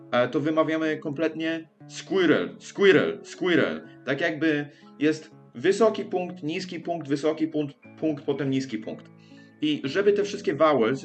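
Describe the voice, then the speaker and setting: Male language teacher, slightly high voice, halting delivery full of fillers, drills sounds aloud, soft guitar underneath. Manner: halting, with frequent hesitations and self-corrections; demonstrates sounds by repeating them aloud. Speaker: English teacher. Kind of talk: pronunciation lesson.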